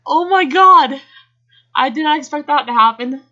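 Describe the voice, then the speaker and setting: This woman's high voice has lively intonation, a moderate pace and a bright, forceful tone. Reading fan fiction with amateur drama, she's giggly, tosses in casual asides and often pauses to react. The home recording is dull and lo-fi.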